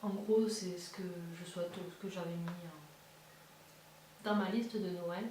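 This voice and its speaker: Here a woman's low, steady, darkish voice moves slowly through a casual beauty-vlog chat, tripping over fillers and restarts as she hesitates. It's captured in an echoey room, well away from the microphone, under a faint hiss.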